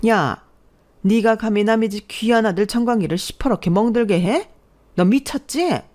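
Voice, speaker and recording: A woman's voice: medium pitch, moderate pace, a little mellow, voice pushed up, lightly acted. A woman voicing a scheming middle-aged prospective mother-in-law who scolds in a haughty, indignant way. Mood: shrill scolding.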